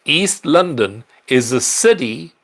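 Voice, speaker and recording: A middle-aged man from South Africa runs a live stream from a large-city apartment, answering viewers casually and rambling with restarts and fillers. His medium-pitched voice is expressive and a bit bright, and he takes it slowly.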